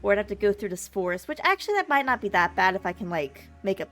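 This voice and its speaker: A woman's voice: medium pitch, sing-song, fast, a bit bright, faint music behind. A woman live streamer giving casual gaming commentary, chatting and thinking aloud with some mild swearing.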